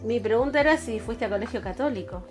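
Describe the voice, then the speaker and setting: A woman's voice: fairly high pitch, animated, quick pace, a little mellow, faint music behind. A woman hosting a podcast, chatty and playful as she asks the guest questions. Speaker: podcast host. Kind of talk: casual conversation.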